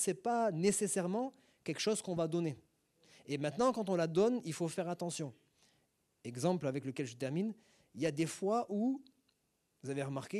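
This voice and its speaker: Middle-aged male pastor, slightly high voice, chatty sermon full of asides and rhetorical checks. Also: dark tone. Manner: conversational teaching with many asides and rhetorical questions; acts out short sung and spoken examples. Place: church hall.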